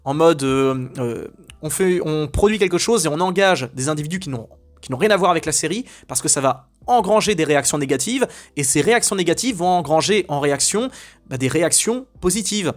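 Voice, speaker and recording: A man's voice: on the high side, expressive, brisk. A man giving opinionated, casual commentary as a video host, ranting with many fillers and restarts.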